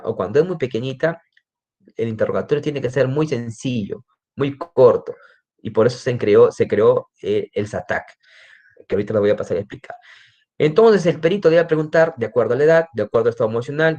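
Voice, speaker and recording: A male forensic psychologist with a Peruvian Spanish accent gives a lecture in a mid-pitched voice. He explains his points patiently, often checks in with "¿no?" and restarts sentences as he goes. The recording is a little dull and lo-fi. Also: expressive, fast, darkish tone. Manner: explanatory, frequent "¿no?" tags and restarts.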